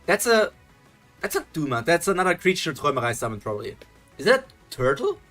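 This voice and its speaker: A very animated, fast-talking young man from Germany streams a webtoon reaction live, his high, fairly bright voice set against soft background music. In a German accent he chats loosely, thinks aloud, restarts, chuckles, and answers chat.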